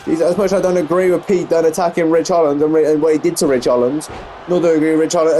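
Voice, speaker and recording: A man's voice: on the high side, dark tone, a little hiss or hum. A young English man casually commentating a wrestling video game, rambling and correcting himself with frequent exclamations. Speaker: gameplay commentator.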